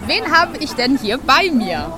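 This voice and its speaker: A woman's voice: sits high, big pitch swings, unhurried, pushed and bright. A young woman reporter patiently interviewing children outdoors, asking simple, encouraging questions. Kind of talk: casual on-the-street interview. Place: busy outdoor town square. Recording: outdoor crowd and music behind.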